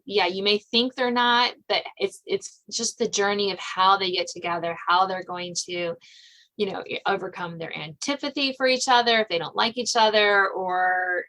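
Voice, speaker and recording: The recording is rough, and the voice is a woman's, medium in pitch and a bit bright. She's an American podcast host and suspense novelist holding a casual interview, rambling chattily with frequent fillers, especially "you know."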